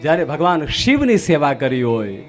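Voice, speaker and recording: A man's voice: fairly high pitch, very animated, moderate pace, soft background music. A young Gujarati man preaching a sermon from the dais, asking his listeners rhetorical questions and answering them himself. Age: young adult.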